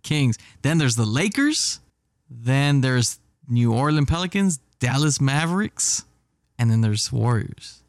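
A man talking basketball in a relaxed chat, laughing often and trailing off mid-thought. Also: medium pitch, slow pace, no room sound, clean studio sound. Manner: laid-back, laughs often, trails off and restarts.

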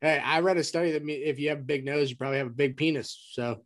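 A man's voice: on the high side, quick pace. A young man co-hosting a podcast, telling stories and teasing his friends. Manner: teasing, tells stories with a laugh. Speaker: podcast co-host. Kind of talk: casual storytelling chat.

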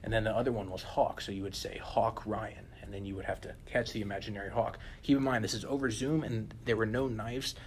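A young man co-hosting a podcast in casual chat, animated and often turning to listeners with "listen". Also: on the low side, fairly quick, few pauses, slight background noise. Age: young adult. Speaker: podcast co-host.

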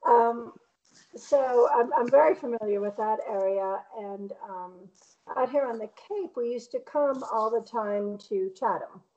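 Mellow middle-aged New England woman, slightly muffled. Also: on the high side, measured pace. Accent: New England American. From Connecticut, United States. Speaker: painter interviewed as guest. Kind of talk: casual conversational interview.

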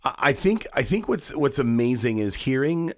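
A priest in his thirties co-hosting a podcast, talking casually and cracking jokes. His voice is mid-pitched, and it is recorded dry and close. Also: very animated, normal speed, dry recording. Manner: upbeat, joking, conversational. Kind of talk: casual chat.

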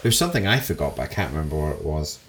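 A man co-hosting a podcast, telling stories in a chatty, excitable way and laughing often. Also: rumbling low, very fast, a little hiss or hum. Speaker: podcast co-host. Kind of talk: casual chat.

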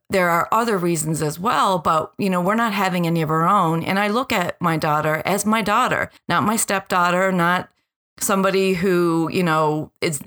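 A woman in her forties with a slightly low voice gives a personal, reflective monologue as a podcast host. She speaks directly to listeners in an earnest, deliberate way. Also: a bit bright.

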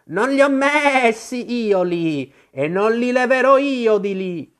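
A reader voicing a grumpy old female sheep who scolds slowly while she knits, in a storybook reading. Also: animated. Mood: scolding. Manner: slow, high and scolding.

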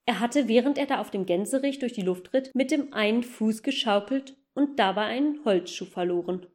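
A woman reading a children's novel aloud in a calm, even manner. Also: on the high side, normal speed. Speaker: reader. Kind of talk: storybook reading.

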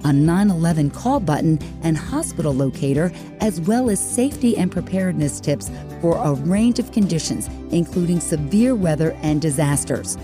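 A woman's voice: sits low, animated, normal speed, music in the background. A woman presenting a short scripted health segment for radio.

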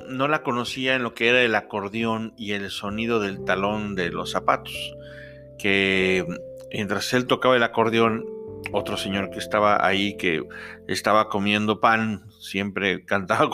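A young Mexican man with a Mexican accent, telling a personal travel story in a relaxed, chatty way with many fillers. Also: lowish voice, normal speed, music in the background. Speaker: podcast storyteller. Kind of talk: first-person travel anecdote.

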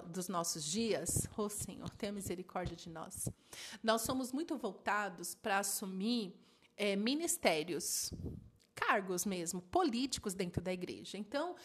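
A woman with a Brazilian accent, reading Bible passages and then teaching on them in a relaxed, familiar way. She talks straight to her listeners as a devotional teacher. Her voice sits at an everyday middle pitch. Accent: Brazilian Portuguese.

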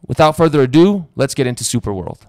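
A man hosting a show from his apartment, talking straight to the viewers with excitement before bringing on his guest. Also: mid-range voice, fast, no echo. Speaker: podcast host. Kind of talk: enthusiastic tech interview intro.

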